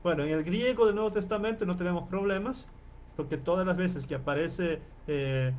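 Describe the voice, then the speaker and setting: A man lecturing as a professor in an online class, explaining and repeating terms slowly and checking in with his listeners often. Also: high-pitched, darkish tone, slight background noise. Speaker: Bible professor.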